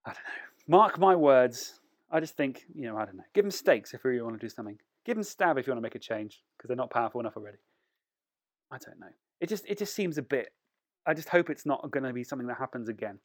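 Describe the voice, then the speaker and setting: A man's voice: mid-range voice, very animated, fast. A man co-hosting a podcast over an online call, ranting in an exasperated, casual way. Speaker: podcast co-host. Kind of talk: casual chat.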